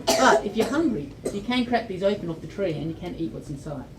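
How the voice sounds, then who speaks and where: An Australian woman with a mid-range, animated voice talks fairly quickly to young children at a library event, explaining things simply and often asking them questions. She's the storyteller and presenter, giving an informal educational talk in an indoor event room. The audio has slight background noise, echoes, and was picked up by a distant mic over children's chatter.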